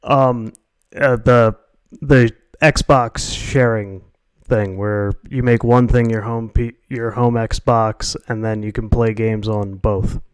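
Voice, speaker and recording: Slow, smooth-voiced laid-back man. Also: medium pitch, steady tone, dry recording. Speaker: streamer host. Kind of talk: casual chat on a live stream.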